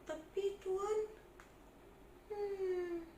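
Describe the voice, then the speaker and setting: Woman doing a timid market seller woman, high and hesitant, pleading, echoey room. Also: steady tone, very slow, dark tone, a little hiss or hum, heavily acted.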